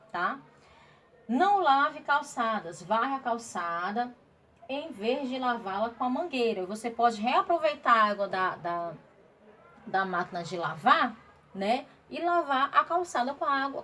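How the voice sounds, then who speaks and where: High-voiced teacher, heard from a distance. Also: female voice, bright, forceful tone. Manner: patient, checks in with "tá?" and "certo?". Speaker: primary school teacher. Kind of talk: remote class walkthrough. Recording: distant mic, faint room noise.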